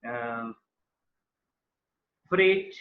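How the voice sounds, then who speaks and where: A man's voice: medium pitch, lively intonation, extremely slow, a little hiss or hum. A man giving a patient classroom lecture on accounting. He talks to his students as "beta" and writes on a board as he speaks. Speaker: accounting teacher. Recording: echoey dull lo-fi room sound.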